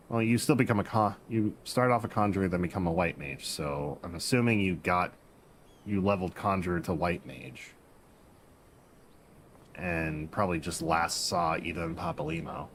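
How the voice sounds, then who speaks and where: A man's voice: deep voice, slight background noise. A man streaming a game, chatting casually and correcting himself as he rambles. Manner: rambling, self-deprecating, corrects himself mid-sentence.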